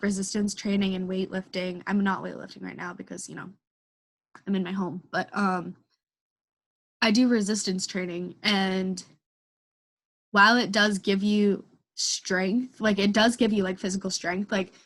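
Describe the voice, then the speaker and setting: A woman's voice: medium pitch, fairly bright tone. A young woman chatting casually about dance training, rambling and full of "like" and "um". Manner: rambling, heavy use of "like". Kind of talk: casual chat.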